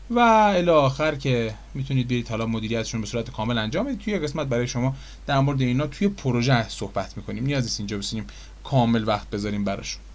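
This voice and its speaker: A man casually explaining software menus in a screen-recorded tutorial, chatty and full of fillers. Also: medium pitch. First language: Persian.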